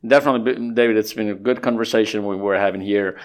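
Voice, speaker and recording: A man from Nepal, hosting a casual podcast interview in a halting way, with many fillers and restarts. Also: on the low side, fairly even intonation. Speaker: podcast host.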